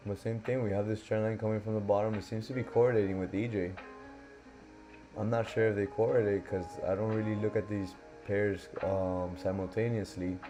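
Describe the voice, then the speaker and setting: With a lowish voice that barely moves in pitch, this young Miami livestream host and forex trader talks briskly. His speech is casual and loose, full of fillers as he thinks out loud over faint lo-fi background music.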